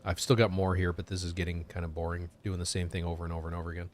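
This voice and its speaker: A man's voice: deep voice, flat delivery, rapid-fire, a little mellow. A man giving casual gameplay commentary as a live streamer.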